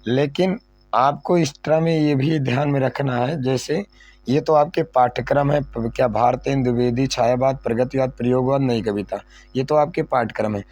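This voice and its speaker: A man's voice: mid-range voice, moderate pace, darkish tone. Man teaching, asking and answering himself. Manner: repetitive, asks and answers own questions. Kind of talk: exam syllabus lesson.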